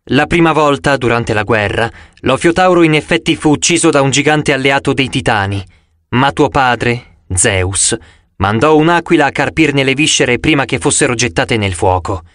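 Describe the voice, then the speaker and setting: A man's voice: medium pitch, moderate pace, a bit bright, dry recording, clean studio sound, close to an everyday voice. A man voicing a proud young immortal huntress who speaks in grave, old-fashioned phrases, in an audiobook. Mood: solemn.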